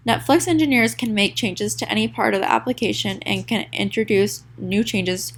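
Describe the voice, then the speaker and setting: Reading her class presentation from a script, a congested young woman sounds nasal, with vocal fry grating beneath her mid-range voice. She's clearly ill, and small stumbles make her restart here and there.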